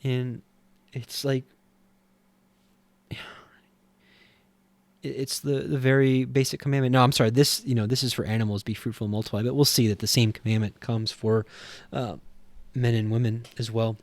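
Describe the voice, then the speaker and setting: Earnest, gravelly-voiced male Bible teacher. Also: medium pitch, flat delivery, no room sound. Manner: earnest, halting, many restarts; easily moved, voice swelling with feeling. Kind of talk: scripture reading and heartfelt teaching.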